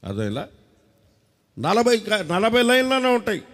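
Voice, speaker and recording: A pastor with a Telugu accent and a high-sitting voice preaches at a measured pace, his words carrying in a big room. Lively and teasing, he quizzes his congregation, leads them in call-and-response, and breaks into song.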